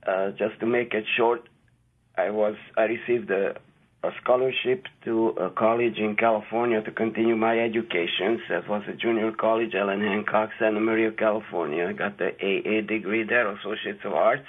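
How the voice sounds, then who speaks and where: An older man from Hungary, a guest scientist on a radio interview, talking haltingly with many fillers. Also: on the low side, husky. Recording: tinny phone-like radio audio.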